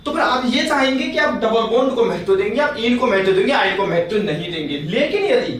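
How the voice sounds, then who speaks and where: Man teaching chemistry, high voice, very echoey classroom, distant mic, faint hiss. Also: lively intonation, fairly quick, a bit bright. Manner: patient, repeats points, asks students questions. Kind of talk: classroom lecture.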